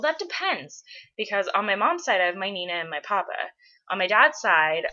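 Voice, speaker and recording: A woman's voice: on the low side, pushed and bright. An American woman talking casually on her own as she answers a questionnaire, with a wry, opinionated way of speaking, on a lo-fi home recording. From United States, born in California, moved between states. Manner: wry, opinionated asides with mild swearing. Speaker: blogger answering an accent challenge.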